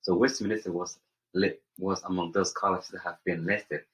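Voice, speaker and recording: A young man from Somaliland, a college senior, answering interview questions earnestly and often pausing to search for words. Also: low-pitched, steady tone, low-quality recording. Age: young adult.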